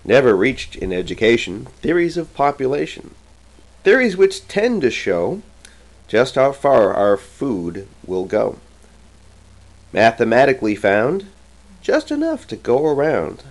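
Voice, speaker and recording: Slow, theatrical male poetry reciter. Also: mid-range voice, huge pitch swings, low-quality recording. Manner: slow, theatrical rhythmic delivery. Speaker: poetry reader.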